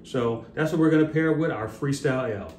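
A man's voice: medium pitch, a little fast, echoey room, heavy background noise. Chatty middle-aged man vlogging. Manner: easygoing, chatty, with fillers and restarts. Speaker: host of a cooking and brewing channel. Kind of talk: casual vlog talk. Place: outdoors on the street, then a home kitchen. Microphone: camera held at arm's length.

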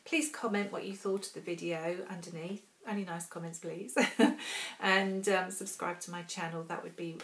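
A woman's voice: fairly low pitch, steady tone, normal speed, fairly bright tone. A middle-aged woman chatting casually through a product review, rambling with friendly asides. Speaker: beauty vlogger. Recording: roomy echo.

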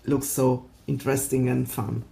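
A woman's voice: extremely low pitch, level tone, normal speed, creaky, mellow. An Italian woman, native Italian speaker, answering interview questions over a video call from her home in the mountains, with a strong Italian accent, searching for words in English. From Italy. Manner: searching for words in a second language. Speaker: guest, violin maker.

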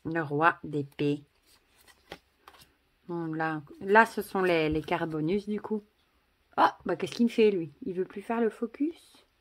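A woman's voice: fairly low pitch, slow pace, long pauses. Gushing Belgian woman vlogger. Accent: Belgian French. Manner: gushing, chatty, many exclamations and asides. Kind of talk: casual vlog, showing cards to camera.

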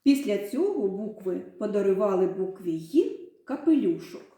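A woman's voice: medium pitch, very animated, normal speed, dark tone. A woman teacher leading a children's literacy lesson, telling a short story and coaxing the class through sound drills in a sing-song, encouraging way. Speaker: primary school teacher. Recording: very echoey room.

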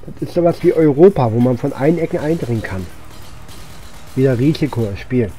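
A gaming channel host rambles through casual commentary, thinking aloud as he plays a video game over game music and sound effects. His mid-range voice is dark in tone, with lively intonation and a fairly quick pace.

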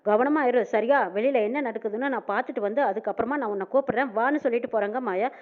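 A woman's voice: fairly high pitch, fast talker. A woman retelling a TV serial episode, acting out each character's quoted lines. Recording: tinny phone-like sound.

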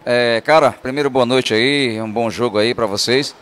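A man reporting live from a football pitch into a handheld mic, repeating words as he searches. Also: moderate pace, fairly bright tone, clear, resonant tone. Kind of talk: live, improvised reporting and interviewing. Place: outdoors on a football pitch at night. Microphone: handheld reporter microphone.

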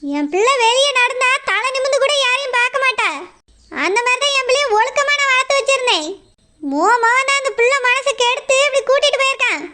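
A woman's voice: extremely high pitch, expressive, brisk, pushed and bright, slight background noise, full character voice. A middle-aged woman with a Kanyakumari Tamil accent, playing a village mother who sternly warns and argues back. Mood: indignant. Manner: stern, warning, indignant. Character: proud village mother defending her daughter. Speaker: mother of the runaway girl.

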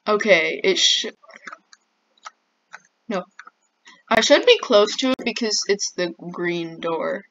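A woman's voice: on the low side, a bit bright. A woman commenting while she plays a game, jumpy and easily flustered, often exclaiming. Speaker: gamer. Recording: dull lo-fi mic.

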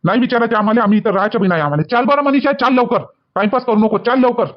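A hot-headed son-in-law, varhadi accent, rapid-fire yelling. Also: male voice, very high-pitched. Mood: aggrieved. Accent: Varhadi Marathi. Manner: shouting, repetitive scolding. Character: touchy young son-in-law, angry, feels slighted. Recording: dull lo-fi sound.

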